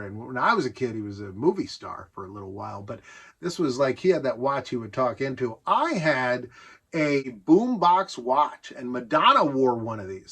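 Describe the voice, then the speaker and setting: A middle-aged American man shows off his collection of vintage gadgets in a casual, nostalgic show-and-tell, rambling conversationally and enthusiastically. His voice is mid-range, fairly bright in tone, and husky.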